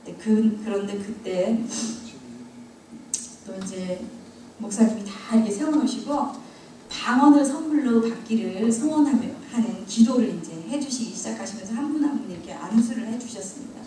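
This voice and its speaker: Middle-aged woman, church testimony, humorous and self-mocking, laughs often, fairly high voice, faint background hiss. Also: lively intonation, moderate pace, dark tone. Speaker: deaconess giving a testimony. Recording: very echoey hall, mic far off.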